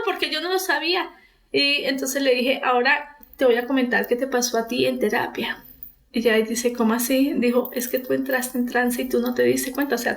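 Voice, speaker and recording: A woman's voice: on the high side, low-quality recording. A woman therapist, telling about a therapy case and retelling its dialogue, with many fillers and restarts.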